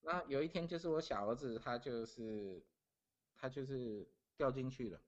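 With the highs cut off, the recording captures a middle-aged man from Taiwan talking at normal speed in a mid-range voice. He's a podcast guest telling a story in an easy, earnest way, repeating phrases as he recounts it.

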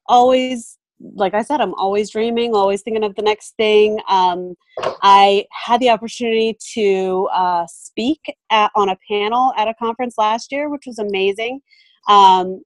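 A woman in her thirties talking through her work in a relaxed interview, pausing often with ums and starting sentences over. Her voice sits in an ordinary middle range. The recording is close and dry, with little room sound. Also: mid-range voice, no room sound. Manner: thoughtful, many fillers and restarts. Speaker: photographer and mentor, podcast guest. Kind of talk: casual interview chat.

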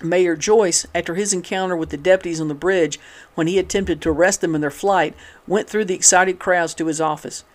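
A man with a fairly high voice reads a nineteenth-century newspaper report aloud. He keeps a steady, measured pace through the long sentences and sometimes restarts a word. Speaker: reader of a historical newspaper. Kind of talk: reading a newspaper article aloud.

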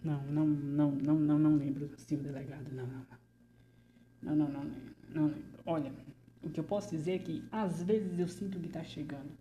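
A woman's voice: low-pitched, quick pace, dark tone, slight background noise, lightly acted. A woman playing a frightened male artist under interrogation, who stammers nervously and slips into whispers in a theatrical monologue. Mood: anxious.

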